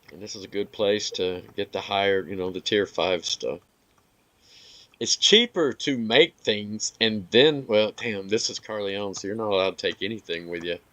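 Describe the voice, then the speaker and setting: A man giving relaxed, rambling commentary over his gameplay, with filler words and some hiccups. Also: fairly low pitch. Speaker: gaming video creator.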